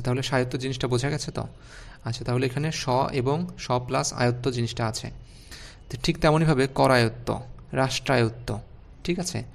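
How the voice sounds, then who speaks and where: A man's voice: mid-range voice, vocal fry. A man teaching an online spelling lesson, explaining rules step by step and putting questions to his students. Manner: explains step by step, asks the class rhetorical questions.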